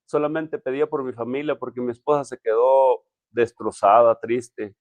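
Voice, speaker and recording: A man, a pastor, telling his personal testimony in a halting, emotional way with many restarts. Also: mid-range voice, dry recording, narrow, tinny audio. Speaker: pastor, interview guest.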